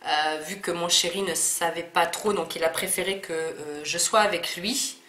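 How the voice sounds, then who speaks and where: Woman, casual unboxing vlog, lowish voice, roomy echo. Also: steady tone, moderate pace, a bit bright. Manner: chatty, hesitant, many fillers and restarts. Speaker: beauty vlogger. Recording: echoey room with faint noise.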